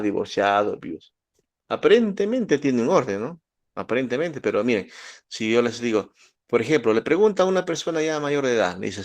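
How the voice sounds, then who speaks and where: A man from Peru, teaching statistics and often checking in with his students. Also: medium pitch. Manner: asks students questions, gives everyday examples. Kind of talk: lecture to students.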